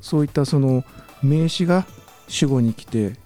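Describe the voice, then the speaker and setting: A man lecturing on business in a radio talk, relaxed and full of fillers, slowing down to sound out examples. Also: medium pitch, faint music behind. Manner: relaxed, many fillers, slow careful English examples. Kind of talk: radio lesson chat.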